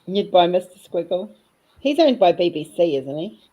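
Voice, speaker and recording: A woman talks through her craft session in a relaxed, rambling way. Her voice sits on the low side and she keeps slipping in cheeky asides. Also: moderate pace, a little hiss or hum, poor audio. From New Zealand. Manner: chatty and cheeky, rambling fondly. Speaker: craft vlogger. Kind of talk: casual chat while diamond painting.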